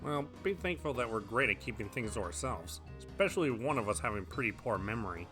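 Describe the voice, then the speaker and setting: A man voicing a laid-back, wordy cartoon dog detective in a fan animation, with a wry, even-tempered manner. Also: mid-range voice, brisk, music in the background, natural voice.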